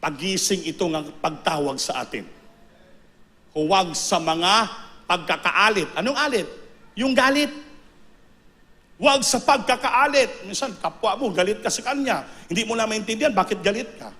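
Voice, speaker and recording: A male preacher delivering a sermon, emphatic and repetitive, breaking into sudden high bursts on key words. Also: expressive, normal speed, sharp tone.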